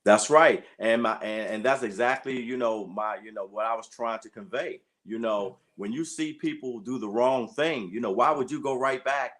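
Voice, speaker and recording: A man in his late fifties speaks as an interview guest. He talks in an earnest, plain way at a middle pitch and keeps dropping in "you know" as he makes his points. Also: normal speed, hardly any pauses, fairly bright tone. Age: 50s. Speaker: guest, track and field coach. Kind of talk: conversational interview.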